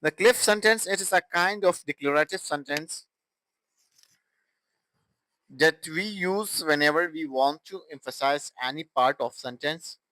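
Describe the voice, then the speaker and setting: Slow, deliberate male English teacher. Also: a little high, sharp tone, no room sound, low-quality recording. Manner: slow, deliberate explaining with repeated example sentences. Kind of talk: grammar lesson.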